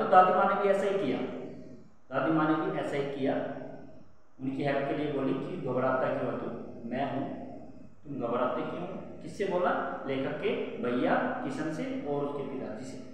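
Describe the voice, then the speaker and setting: A man with a slightly raised pitch reads a children's story from a textbook and pauses after each line to explain it plainly. He asks the class questions as he goes. His voice sounds far from the mic, with a long echo. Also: fairly bright tone. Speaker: teacher. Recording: echoey room, voice from far off, faint noise.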